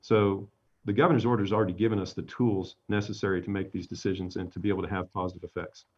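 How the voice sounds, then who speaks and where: A man answering reporters' questions at a city press briefing in a measured, slightly wry manner. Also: sits low, flat delivery, darkish tone. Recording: dull lo-fi audio.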